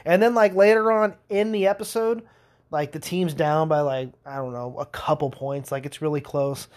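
A man's voice: fairly high pitch, steady tone, moderate pace. Rambling, cussing young man. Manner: rambling, profane, laughing storyteller. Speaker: podcast host. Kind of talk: casual monologue.

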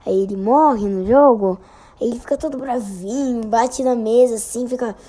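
Soft, hesitant young girl. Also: a little high, moderate pace. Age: child. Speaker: interviewee. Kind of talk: casual chat.

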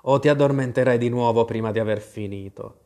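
A man voicing an eccentric, bossy male hatter in a storybook reading, with quick, pert retorts. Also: mid-range voice, dark tone, close to an everyday voice.

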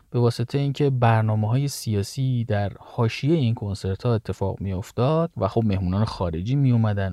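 A man's voice: mid-range voice, darkish tone, dry recording, studio quality. A man narrating a history story in a casual, conversational way, stepping aside now and then to explain things to his listeners.

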